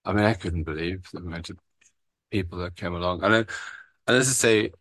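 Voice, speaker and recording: A deep, brisk, slightly bright male voice with an Irish accent shares, in a casual and unfiltered way, the story of starting a recovery meeting. He keeps saying "you know," drops the odd swear word, and the audio has no echo.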